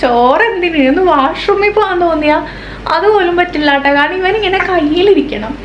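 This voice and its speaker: A woman vlogger and mother chatting to the camera at home in a relaxed, chatty way. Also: very high voice, a little fast, highs cut off. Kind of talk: casual chat to camera at home. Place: room at home. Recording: echoey home room with faint hiss.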